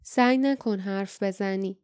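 A woman reading the part of a calm, serious young man in an audiobook, speaking slowly and earnestly. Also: medium pitch, clean tone, dry recording, clean studio sound, natural voice.

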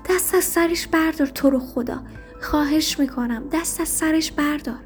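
A woman voicing a wife who shouts shrilly, then begs in tears, in a storybook reading. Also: sits high, soft background music, lightly acted. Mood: pleading. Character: quarrelsome wife, shrill, pleading and tearful.

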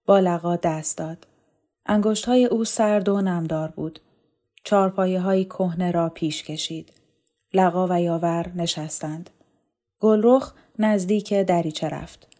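Calm woman reading a novel aloud. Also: fairly low pitch. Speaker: audiobook narrator. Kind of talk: scripted narration of a novel.

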